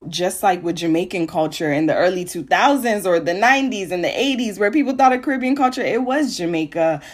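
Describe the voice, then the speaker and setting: A woman's voice: on the low side, fairly quick. A woman guest in an interview, explaining at length in a thoughtful, conversational way with frequent fillers. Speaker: podcast guest.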